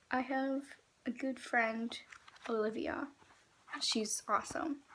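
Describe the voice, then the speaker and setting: Young female vlogger, higher-pitched with vocal fry, reading aloud with embarrassment, casual and halting, slightly noisy recording. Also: steady tone, fairly bright tone. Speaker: vlogger reading own diaries.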